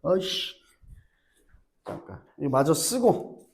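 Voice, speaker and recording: A middle-aged man teaching English grammar to a high school class, joking and teasing students by name as he lectures. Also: slow, creaky. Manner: teasing, animated, banters with students.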